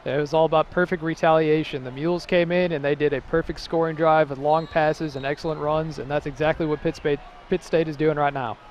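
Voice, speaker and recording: A young man offers calm, analytical color commentary beside the play-by-play caller in a stadium booth. His voice sits slightly high. A faint noise runs under the broadcast. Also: brisk, few pauses, highs cut off. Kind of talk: live football color commentary.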